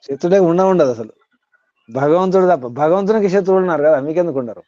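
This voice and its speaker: A man teaching to a group on a call, asking listeners direct questions and reciting verses slowly. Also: fairly high pitch, warm tone, dry recording, muffled recording. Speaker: spiritual teacher. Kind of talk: teaching over an online call.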